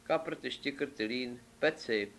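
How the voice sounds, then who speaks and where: A man voicing a lazy, cheeky peasant lad in a storybook tale, drawling and unhurried. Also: mid-range voice, gravelly, fairly bright tone.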